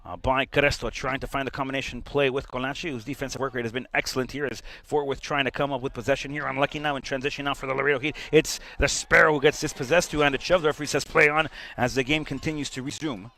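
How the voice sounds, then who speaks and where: A man's voice: medium pitch, fairly even intonation, fast talker, hardly any pauses, sharp tone. A man giving live play-by-play commentary on a soccer match for a stream.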